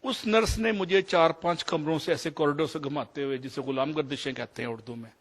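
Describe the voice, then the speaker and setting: Pakistani man, fifties, slightly high voice, digressive storyteller mixing in English. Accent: Pakistani Urdu. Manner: anecdotal, digressive, mixes English phrases. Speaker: doctor sharing experiences. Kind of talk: storytelling talk.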